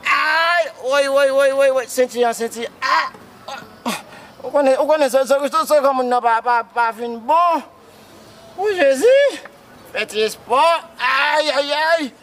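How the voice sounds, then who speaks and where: A man's voice: extremely high pitch, slow pace, fairly bright tone, a little hiss or hum, exaggerated voice. A man with a Haitian accent playing a grief-stricken widower who sobs, wails and keeps calling out to Jesus. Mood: wailing. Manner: repeats words, cries out to Jesus. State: wailing and sobbing. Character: grief-stricken man mourning his dead wife.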